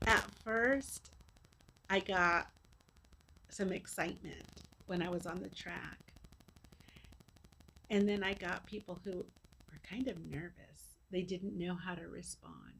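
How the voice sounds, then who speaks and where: A woman's voice: lowish voice, takes it slowly, pauses often, pushed and bright. Earnest woman with noisy background. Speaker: charity fundraising runner. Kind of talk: personal video message to supporters. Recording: clear background noise.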